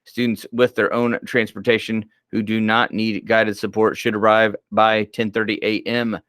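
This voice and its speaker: A man's voice: fairly low pitch, level tone, moderate pace, fairly bright tone, clear, resonant tone, no room sound, clean studio sound. A man hosting casual school homeroom news, chatty and joking, sleepy and yawning as he reads announcements.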